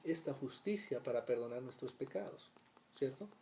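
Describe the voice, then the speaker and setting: A man's voice: mid-range voice, expressive, normal speed, gravelly, dark tone, a little hiss or hum. A man from Colombia leading a conversational Bible study, often checking in with his listeners and acting out small everyday scenes. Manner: asks "¿cierto?" often, acts out little scenes. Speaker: Bible teacher.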